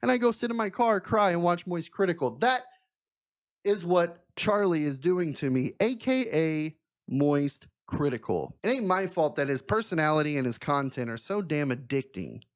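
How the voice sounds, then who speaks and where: Youtuber guy telling a silly story to camera, over-dramatic and self-mocking, kinda high voice. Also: animated, moderate pace. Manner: mock-dramatic, self-deprecating. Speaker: YouTuber and streamer.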